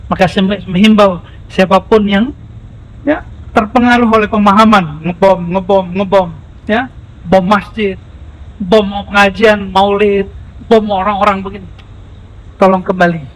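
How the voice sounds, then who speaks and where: A man preaching an Islamic sermon, telling stories animatedly and often adding a quick "ya" to his sentences. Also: poor audio. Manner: animated, rises in pitch when telling dramatic moments; often punctuates with "ya".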